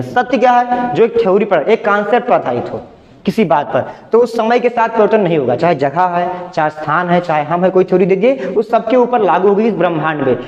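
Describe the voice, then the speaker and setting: A man's voice: sits high, darkish tone. A male chemistry teacher giving a classroom lecture. He repeats key terms and asks questions that he answers himself. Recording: echoey classroom, muffled sound.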